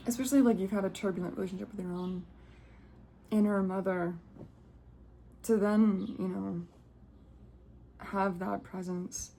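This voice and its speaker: A woman's voice: mid-range voice, vocal fry, darkish tone, slight background noise. A woman giving a casual spiritual card reading, rambling and breaking off mid-sentence, often laughing to herself. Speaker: tarot reader.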